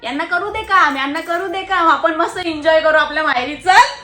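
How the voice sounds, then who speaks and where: A woman playing a loud, protective, bossy but doting mother-in-law in a comic sketch. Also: very high-pitched, brisk, roomy sound. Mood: bold.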